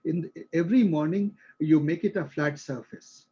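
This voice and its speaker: A man's voice: fairly high pitch, moderate pace, husky, dull audio. A male instructor explaining a concept to a live class, using everyday examples and often checking that students follow.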